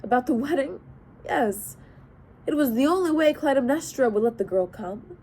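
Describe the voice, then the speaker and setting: A woman's voice: sits high, lively intonation, warm tone, breathy edge, pitched above the performer's own voice. A woman doing a wry, cunning king. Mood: wry, measured. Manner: measured, wry, unhurried. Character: cunning, calm older male king and counselor.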